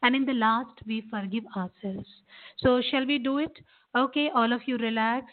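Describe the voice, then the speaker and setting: A woman's voice: a little high, steady tone, moderate pace. A woman with an Indian accent explaining as a meditation teacher, repeating phrases for emphasis. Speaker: meditation teacher and guest expert. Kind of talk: explanatory interview talk, guiding meditation. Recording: tinny, narrow phone-line sound.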